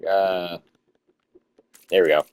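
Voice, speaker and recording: A young man with a low-pitched voice talks casually as he plays a game. He sounds like a stoner, rambling and losing his thread, and he drops swear words freely. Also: steady tone, takes it slowly, darkish tone, clean tone, dry recording. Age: young adult. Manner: stoned, rambling and easily sidetracked. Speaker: gamer recording commentary. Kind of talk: casual gameplay commentary.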